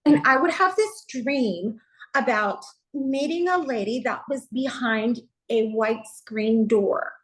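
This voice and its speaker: A woman's voice: on the high side, takes it slowly, a bit bright, rough recording. A middle-aged woman pastor from Texas sharing her personal testimony in an interview, earnest and heartfelt, with a lot of "you know.".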